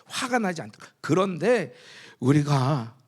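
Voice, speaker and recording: A male pastor preaching a revival sermon, telling personal stories and moving from soft asides to shouted appeals. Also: fairly high pitch, big pitch swings, a little slow, slightly rough. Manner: storytelling, shifts from soft asides to shouted exhortation.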